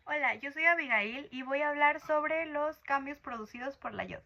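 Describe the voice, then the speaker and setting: A woman's voice: high-pitched, moderate pace, gravelly, bright, forceful tone, muffled recording, a little hiss or hum. A woman giving a class presentation, hesitant and using fillers. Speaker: student presenter.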